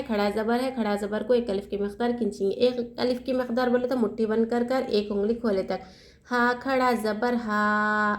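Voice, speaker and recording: A woman teaching Quran recitation step by step. She asks her own questions and answers them, and she spells out letters slowly. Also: a little high, a little mellow. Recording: echoey room.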